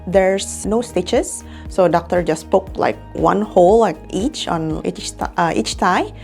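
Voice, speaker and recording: Young indonesian woman vlogging, lowish raspy fry voice, chatty with lots of little laughs. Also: slow pace, a little mellow, faint music behind. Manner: chatty, laughs often, many fillers. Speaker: clinic employee and patient. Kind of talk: casual vlog testimonial.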